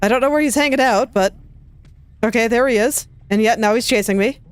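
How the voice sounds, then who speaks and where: A woman's voice: a little high, clear, resonant tone, no room sound, soft background music. A woman giving casual, chatty commentary as she plays a video game, talking to herself as she goes. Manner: chatty, self-talking, quick laughs. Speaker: let's play gamer.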